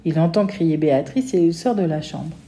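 A woman's voice: sits low, moderate pace, warm tone. Woman reading a children's story. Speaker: audiobook reader. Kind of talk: audiobook narration in a child's voice.

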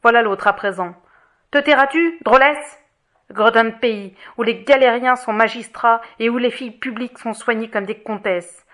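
Woman reading a merciless male inspector in an audiobook, loud and sneering, voice pushed higher. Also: normal speed, natural voice. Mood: furious. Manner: shouting, sneering, mocking laughter. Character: harsh male police inspector, scornful and merciless.

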